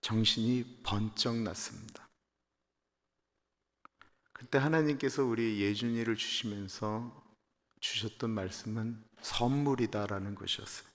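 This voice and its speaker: A Korean-born man in his fifties, a pastor giving a personal testimony sermon at a dawn service, moving from quiet confession to loud emphatic proclamation. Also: on the low side, a little slow, pauses often. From South Korea. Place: church sanctuary. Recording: long church-hall reverb.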